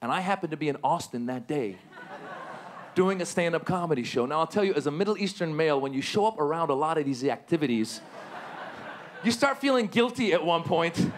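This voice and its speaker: A man performing stand-up comedy on stage, animated and given to sudden high-pitched outbursts. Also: brisk, a little hiss or hum. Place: stage before a live audience.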